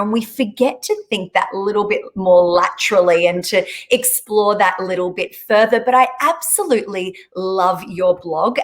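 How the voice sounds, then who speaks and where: A woman's voice: medium pitch, fairly bright tone. A woman hosting a live online interview, upbeat and effusive as she welcomes her guest. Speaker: host.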